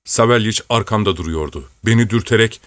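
A man narrating a classic novel aloud in a measured, steady storytelling manner. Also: on the low side, dry recording. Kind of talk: audiobook narration.

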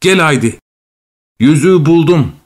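A man's voice: a little high, animated, a little slow, voice pushed up. A man voicing a clever, determined cat in a storybook reading, urgent and commanding. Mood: excited.

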